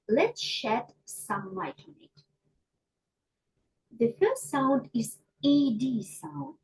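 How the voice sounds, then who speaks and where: A woman teaching English pronunciation to a class, slow and deliberate, often checking in with her students. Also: a little high, rough recording. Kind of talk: online micro lesson.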